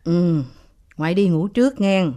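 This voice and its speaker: A woman's voice: lowish voice, unhurried, dark tone, close to an everyday voice. A woman playing an elderly grandmother who stammers and repeats her words in agitation. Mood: gentle. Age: older.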